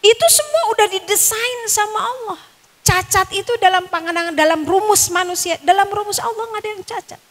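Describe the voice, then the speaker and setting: A woman with a Sundanese accent teaching a Quran study class, quizzing the women listening with questions and chanting Arabic verses slowly. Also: very high voice. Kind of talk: religious study lecture. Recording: long reverb, echoing hall.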